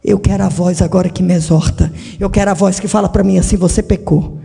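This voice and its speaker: A woman pastor preaching a dramatic sermon in a church, swinging from shouts to hushed tones. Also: mid-range voice, fairly even intonation, quick pace, creaky, breathy edge, big-room sound. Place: church hall.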